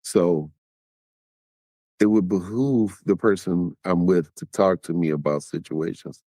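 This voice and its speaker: A man hosts his own podcast in a casual, direct style, addressing listeners as "y'all". His voice sits on the low side. The sound is dry and close, with no room echo. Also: steady tone, unhurried, warm tone. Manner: conversational, talks straight to listeners, acts out quotes. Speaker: podcast host.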